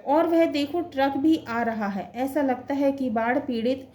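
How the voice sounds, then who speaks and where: Woman reading as an eager young girl, urgent pleading tone, high voice, read-aloud play. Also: unhurried, dark tone.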